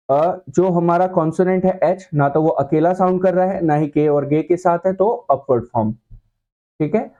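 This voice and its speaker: A man with a fairly high but mellow voice teaches a shorthand class, patiently quizzing the students and answering his own questions. The recording sounds dull and lo-fi. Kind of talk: classroom lesson.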